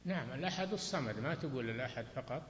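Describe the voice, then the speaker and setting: A man's voice: mid-range voice, animated, very fast, slight background noise. A man answering religious questions in a lecture, giving brief and firm rulings. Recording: dull echoey hall recording.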